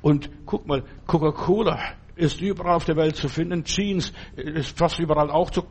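A man's voice: fairly high pitch, normal speed, a little mellow, slightly rough. A man preaching a sermon and reading a Bible story, talking in an earnest, fatherly way straight to the listener.

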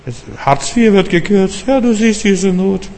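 A man voicing a desperate, anxious believer who pleads with God in a high, wailing voice. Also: lively intonation, unhurried, a little mellow. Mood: pleading. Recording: long church-hall reverb.

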